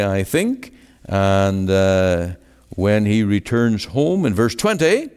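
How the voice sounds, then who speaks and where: A man preaches an evening gospel sermon at an unhurried, deliberate pace. His pitch swings widely as he climbs to emphatic exclamations and sinks low again. The long reverb of a large church hall trails after every phrase. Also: smooth. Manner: emphatic, rising to exclamations then dropping low.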